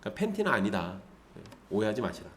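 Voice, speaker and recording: A man's voice: on the low side, very animated, fast talker. A male pastor giving a conversational Sunday sermon, asking the congregation rhetorical questions and explaining scripture.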